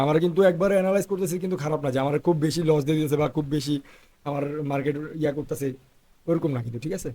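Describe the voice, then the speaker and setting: A hoarse man who is feeling unwell, talking through live trades as an instructor and checking "okay?" after each point. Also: fairly high pitch, a little mellow. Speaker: trading instructor. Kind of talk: live trading walkthrough.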